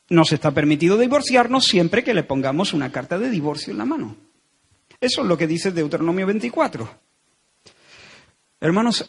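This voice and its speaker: A man's voice: on the high side, a bit bright, breathy edge. A man with a Spanish accent from Spain, preaching a sermon as a pastor, earnest and emphatic, repeating phrases for stress.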